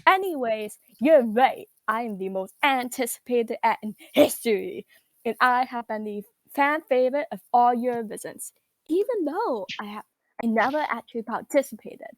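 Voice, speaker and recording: A vain, self-crowned evil queen diva, squeaky-high and pitch-shifted through a voice changer. She talks down to everyone in a haughty, bragging way and drops swear words. The sound is close and dry, with no room around it. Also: expressive, moderate pace, no echo. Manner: haughty, self-aggrandizing, swears and laughs mid-sentence. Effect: voice changer pitch-shifting her voice. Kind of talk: comedic character roleplay.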